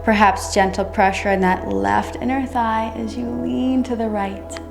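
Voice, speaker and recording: Female yoga instructor, slightly high voice, careful and unhurried guidance, roomy sound. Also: steady tone, vocal fry. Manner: careful, unhurried, measured delivery. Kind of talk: guided chair yoga instruction. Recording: roomy echo, music underneath. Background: music.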